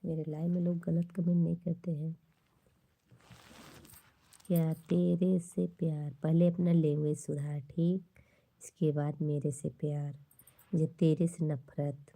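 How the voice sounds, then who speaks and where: Gravelly-voiced woman hosting a livestream. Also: sits low, little pitch movement, unhurried, pauses often, mellow. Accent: Awadhi-tinged Hindi. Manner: blunt, scolding rude commenters. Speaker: livestream host. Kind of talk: casual livestream chat with viewers.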